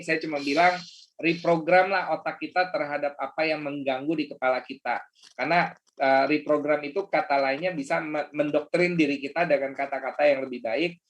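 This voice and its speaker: A man's voice: on the high side, vocal fry. Chatty man coaching on a webinar. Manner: casual and chatty, many fillers and restarts. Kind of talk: motivational webinar talk. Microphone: video call.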